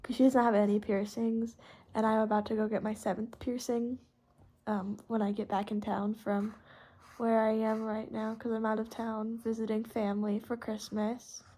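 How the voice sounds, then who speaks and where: A woman's voice: fairly high pitch, level tone, moderate pace, mellow. A teenage girl from Texas chatting informally and rambling as a podcast host, in a youthful casual way while coloring. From Texas, United States. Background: pencil and marker scratching on paper.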